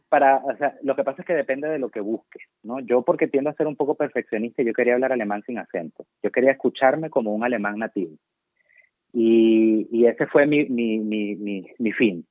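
A man's voice: medium pitch, normal speed, no echo. Male guest doctor, Venezuelan accent, chatty and self-mocking, thin phone-line audio. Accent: Venezuelan Spanish. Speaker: guest doctor working abroad. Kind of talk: casual interview chat. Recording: tinny dry phone line.

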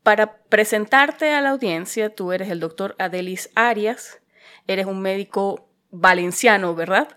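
A woman hosts a podcast interview and keeps the talk friendly and easygoing. She chats with her guest and adds small jokes. Her voice sits at an ordinary middle pitch. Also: a little slow, a bit bright. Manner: friendly, chatty, lightly joking. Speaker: podcast host. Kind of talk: conversational interview.

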